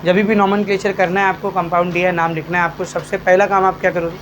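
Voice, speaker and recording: A man's voice: high-pitched, flat delivery, fast talker, fairly bright tone, a little hiss or hum. A male chemistry teacher, lecturing a class, asking questions and answering them himself, calling students "beta". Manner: quizzes students, answers his own questions; calls students beta, coaxing.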